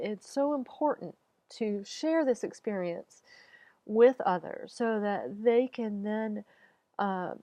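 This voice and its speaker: A woman talking slowly and haltingly about the loss of her pet, teary at times. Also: on the high side, mellow, dry recording, highs cut off. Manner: slow, halting, searching for words. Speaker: animal communicator. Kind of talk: personal talk to camera.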